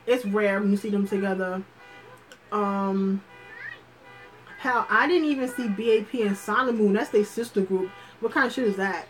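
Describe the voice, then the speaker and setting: A woman's voice: mid-range voice, normal speed, soft background music, rough recording. A woman hosting a casual livestream chat, rambling and thinking aloud in slangy, profane talk with many fillers and restarts. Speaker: livestream host.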